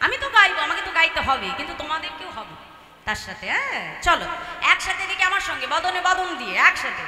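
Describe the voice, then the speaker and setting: High-voiced woman leading kirtan. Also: sing-song, fast talker, pushed and bright. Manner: coaxing, leads call-and-response. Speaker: kirtan singer. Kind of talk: devotional kirtan with sung chanting. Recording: echoey hall, far from mic, with music. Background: instrumental music.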